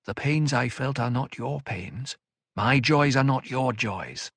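A man voicing a calm, cutting older woman mentor in an audiobook, speaking in a measured, dry way. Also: medium pitch, husky, dry recording, heavily acted. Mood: cool.

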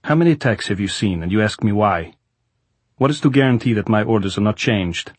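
A man's voice: fairly low pitch, brisk, slightly rough, no echo. A man voicing a brusque, emphatic Soviet military general, exasperated with his orders, in an audiobook. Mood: angry, bitter. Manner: emphatic, stern military officer. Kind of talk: audiobook character voice.

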